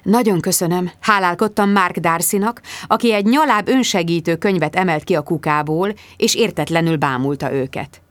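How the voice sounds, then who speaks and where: Woman audiobook narrator, lowish, dry studio sound, expressive first-person read. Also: hardly any pauses, dry recording. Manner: expressive, intimate storytelling reading.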